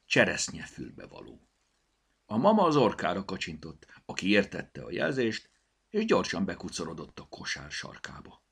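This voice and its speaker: A man narrating a children's storybook chapter with an expressive, animated delivery. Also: deep voice, gravelly, husky. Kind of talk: audiobook storytelling.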